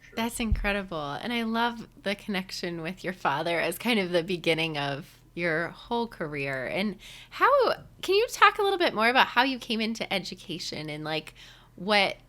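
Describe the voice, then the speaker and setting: A woman's voice: fairly low pitch, fairly bright tone. A woman hosting a podcast, asking questions enthusiastically and affirming her guest. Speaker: podcast host. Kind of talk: interview questions.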